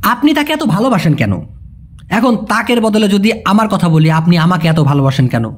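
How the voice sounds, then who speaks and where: A language teacher, speaking in a colloquial way and repeating example phrases slowly. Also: medium pitch, lively intonation, breathy edge. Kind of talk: language lesson.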